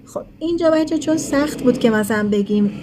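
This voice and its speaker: A woman teacher explaining English grammar in a recorded lesson, speaking quickly in her explanations and slowing right down for English examples, often checking in with her students. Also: high voice, expressive, noisy background. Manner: switches between quick explanations and slow, deliberate English examples; addresses students as kids, asks rhetorical checks.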